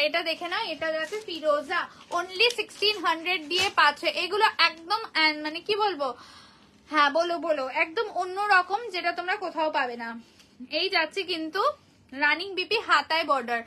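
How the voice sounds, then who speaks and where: Woman, Kolkata Bengali accent, very high bright voice, chatty live seller, tired voice. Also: slight background noise. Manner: chatty, repeats prices, greets viewers by name. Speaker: saree seller hosting a live sale. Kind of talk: casual live-stream sales chat.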